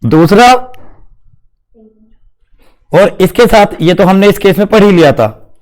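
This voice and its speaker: A man with a notably high-pitched voice lectures a class of students. He is playful, keeps asking them questions and slips English terms into his explanation. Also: lively intonation, slow, a little mellow. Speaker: teacher.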